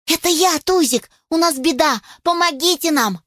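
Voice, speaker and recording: A woman's voice: extremely high pitch, moderate pace, a bit bright, dry recording, clean studio sound, pitched above the performer's own voice. A woman voicing a loyal young male puppy who begs everyone for help. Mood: pleading. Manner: eager, pleading.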